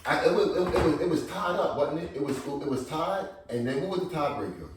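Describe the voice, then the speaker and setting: A battle rap veteran, interviewed as a league figure, chats casually in a slightly high, fairly quick voice, animated and talky, repeating words and quoting himself. His voice is picked up from a distance in an echoey room with a noisy background.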